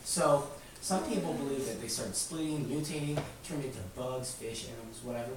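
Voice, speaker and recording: With a mid-range voice and a fairly quick pace, the man teaches children informally, keeping his explanations easy and his questions coming. The recording has room echo, a distant mic, and a little background noise.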